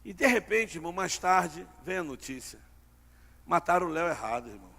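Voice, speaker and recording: Storytelling male preacher, high gravelly voice, quizzes the congregation. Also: big pitch swings, a little fast, sharp tone. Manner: storytelling, acts out dialogue, asks the crowd. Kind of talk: sermon. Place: large church hall. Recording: long church hall reverb.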